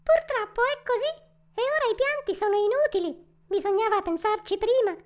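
A squeaky tender little marmot. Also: female voice, brisk. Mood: consoling. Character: kind small female marmot, gentle neighbor.

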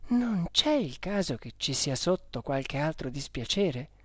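A reader of a storybook voicing a worried middle-aged mother who speaks in a hushed, anxious warning tone. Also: mid-range voice, sing-song, a little slow, dry recording.

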